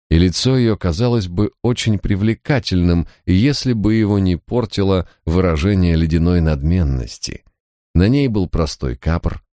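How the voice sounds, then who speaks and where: A man narrates an audiobook in the first person, measured and literary. His voice is very low and deep. The recording is close and completely dry. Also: darkish tone, dry recording.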